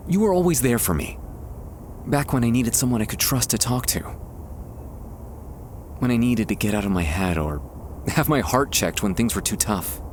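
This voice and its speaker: Faint park sounds sit softly behind a man with a mid-range, lightly acted voice. He plays a nervous, tender young man, a childhood best friend, in an intimate ASMR boyfriend roleplay monologue. He sounds wistful, hesitating and halting with pauses that trail off.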